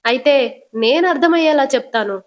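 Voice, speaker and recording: A woman voicing a stern middle-aged father who interrogates his family forcefully, in a retold TV serial. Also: high-pitched, animated, a little fast, pitched above the performer's own voice.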